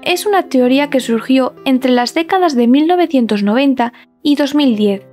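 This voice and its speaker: Female narrator for scripted true-crime stories, notably high voice, music underneath. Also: normal speed, mellow.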